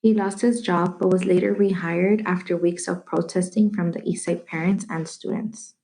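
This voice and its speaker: A woman's voice: on the low side, steady tone, moderate pace, dark tone, poor audio. A young woman reading a prepared class presentation steadily and carefully. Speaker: student presenter.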